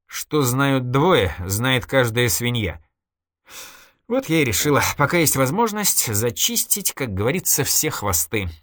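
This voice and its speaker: A man reading an audiobook, voicing a cold, scheming woman who calmly mocks her friend. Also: mid-range voice, a little slow, dry recording, clean studio sound, voice pushed up. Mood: mocking. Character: scheming cold female killer, calm and mocking.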